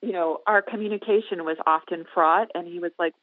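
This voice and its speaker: A woman's voice: on the low side, fairly quick, dry recording. A woman, an author being interviewed, telling a chatty anecdote with laughter. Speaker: author guest. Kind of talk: interview storytelling. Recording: phone-line interview.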